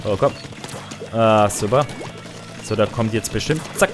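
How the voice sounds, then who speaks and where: A man with a fairly low voice gives loose, casual commentary on his own gameplay as a let's player, unhurried as he complains about his weapons before breaking into loud, high-pitched outbursts over kills and deaths. Faint game music plays in the background.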